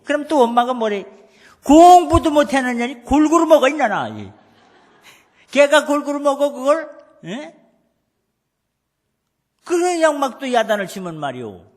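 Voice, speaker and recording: High-voiced pastor in a reverberant church. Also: male voice, fairly bright tone. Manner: acts out scolding voices, calls for the congregation to repeat after him. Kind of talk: folksy sermon. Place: church sanctuary. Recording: long church hall reverb.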